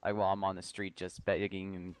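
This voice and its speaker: A man's voice: low-pitched, monotone, a little fast, smooth. A man chatting with his gaming group, with dry, understated humor. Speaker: player. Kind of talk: casual chat during a game break.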